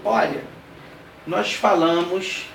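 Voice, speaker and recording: A man teaches an exam-prep grammar lesson, checking in often with his class and slowing down to spell out each example word by word. His voice sits on the high side, and he is heard from a distance in a roomy space with some faint noise behind him. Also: steady tone, vocal fry, a bit bright. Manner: explains step by step, checks in often with "tá?" and "ok?".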